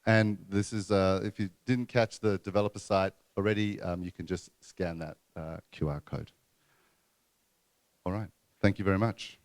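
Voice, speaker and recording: A man's voice: deep voice, fairly even intonation, normal speed, no room sound. A man hosting a conference session, making announcements and introducing speakers in a loose style full of fillers. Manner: loose, filler-heavy speech. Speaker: event host. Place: conference room before an audience.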